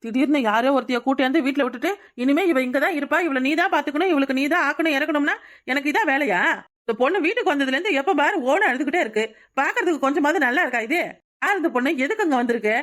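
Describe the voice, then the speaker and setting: A sharp-tongued cartoon wife. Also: female voice, sits high, lively intonation. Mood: complaining. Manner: bickering, sarcastic, quick retorts. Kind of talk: cartoon voice acting.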